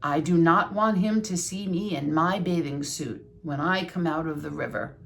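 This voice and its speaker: An older woman voicing a grumpy, self-conscious male toad in a storybook, fussy and deliberate. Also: low-pitched, a little hiss or hum.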